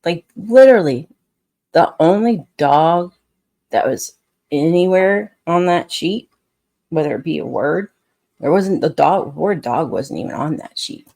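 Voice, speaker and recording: A woman's voice: deep voice, animated, unhurried, gravelly, darkish tone, slightly rough, no room sound. A woman dog trainer in casual, unscripted talk, blunt and frustrated, rambling with frequent restarts. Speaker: scent work dog trainer.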